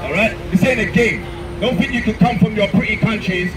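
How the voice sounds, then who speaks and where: London guy street preaching, highish voice, echoey, far from mic, loud crowd around. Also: brisk. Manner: emphatic, ends lines with "man" and "all right?". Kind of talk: open-air street preaching. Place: outdoors on a busy city street.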